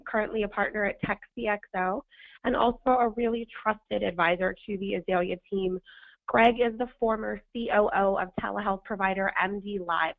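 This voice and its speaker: Hoarse raspy lady doing a webinar intro, gravelly smoker sound, phone line audio. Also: mid-range voice. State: hoarse, sandpaper-rough voice. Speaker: webinar host. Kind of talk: scripted webinar presentation. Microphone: phone or webinar audio connection.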